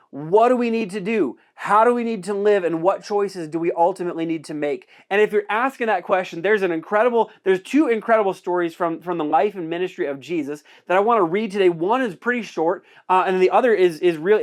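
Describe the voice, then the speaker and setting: A man preaching a sermon in a conversational way, repeating key phrases for emphasis. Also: high-pitched. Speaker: pastor.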